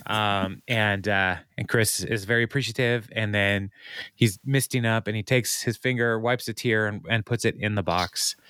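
Low, smooth-voiced man recapping casually. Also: steady tone, normal speed, pushed and bright, no room sound, studio quality. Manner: laughs often, many ums and uhs. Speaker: podcast host.

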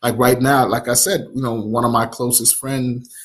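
A man's voice: medium pitch, flat delivery, fairly bright tone. A man from Nigeria, an app founder, talking casually in an interview with lots of fillers and restarts. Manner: many fillers, halting restarts.

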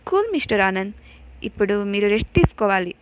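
A woman voicing a calm male police officer who questions and reassures a victim in a told story. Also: medium pitch, fast, dull audio, natural voice. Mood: reassuring. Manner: reassuring, firm.

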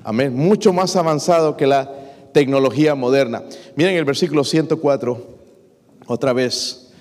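A man's voice: normal speed, darkish tone, big-room sound. A middle-aged man preaching a sermon to his congregation, reading scripture verses aloud and calling them brothers, with frequent rhetorical questions. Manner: reads scripture aloud, rising in pitch and force on verses. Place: church.

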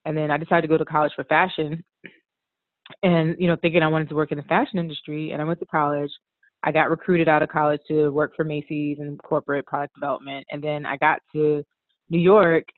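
This is a low-pitched, fast-talking woman from the Washington DC area, a costume designer appearing as a guest in a casual interview. She's relaxed and chatty, laughs often, and leans heavily on "like" and "um." Her voice comes through a tinny, phone-like line that is dry and echo-free.

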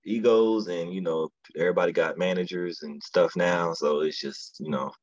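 Very deep-voiced husky comedian man. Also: fairly even intonation, normal speed, no echo, dull audio. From lives in Atlanta area. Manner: laid-back, slangy, storytelling with quoted voices. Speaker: stand-up comedian, guest. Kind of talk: casual podcast chat.

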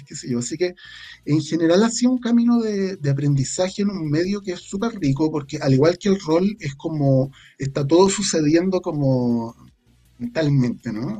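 Warm in tone and fairly high in pitch, a Chilean Spanish-accented man talks as an interview guest. He creates and scripts audio dramas, and his reflective, casual speech is peppered with slang.

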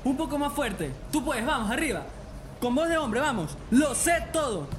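An actor voicing a brash, streetwise buddy in a comic radio sketch, coaxing and egging his friend on. His voice sits very high and swings freely, with faint noise behind him. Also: big pitch swings, moderate pace. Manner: coaxing, pep-talk energy. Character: pushy streetwise buddy, adult man, brash and confident.

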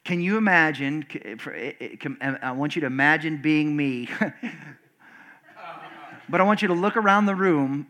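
At a church service, a pastor preaches energetically to his congregation, trading call and response. His loud, screechy voice lurches from soaring high bursts down to hushed, low passages, with frequent restarts.

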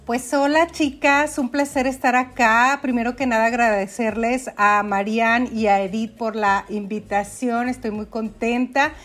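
A woman's voice: on the high side, steady tone, measured pace, hardly any pauses, fairly bright tone. A woman with a Mexican accent, a podcast guest telling her story in casual, chatty conversation. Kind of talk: casual chat.

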